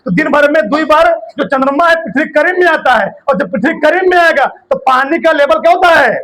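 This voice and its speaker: High-voiced man teaching a physics class. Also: expressive, brisk, bright, forceful tone, rough recording. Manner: quizzes students with rhetorical questions; colloquial, addresses listeners as brother.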